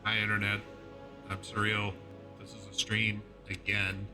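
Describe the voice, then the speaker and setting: Man, low voice, gaming stream host, casual mumbly talk, game music clearly behind. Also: measured pace. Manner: relaxed, mumbles under his breath at times.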